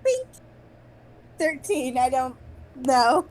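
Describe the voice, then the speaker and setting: Unhurried high-voiced woman player. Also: very animated, background noise. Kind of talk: casual tabletop game talk.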